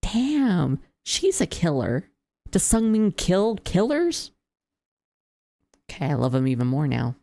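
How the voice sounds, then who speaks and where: A woman's voice: lowish voice, big pitch swings, slow, creaky, pauses often, warm tone, no room sound. A woman game streamer reading visual novel narration aloud and adding casual commentary.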